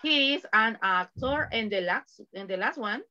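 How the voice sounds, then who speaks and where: A woman's voice: on the high side, animated, takes it slowly, sharp tone, lo-fi sound. A woman teaching an online English class, switching between English and Spanish to explain grammar and drilling her students with countdowns.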